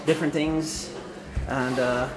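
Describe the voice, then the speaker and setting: A man hosting a casual walkaround interview in a large open-plan office, asking quick, breezy questions. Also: medium pitch, fairly even intonation, noisy background. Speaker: tech video host.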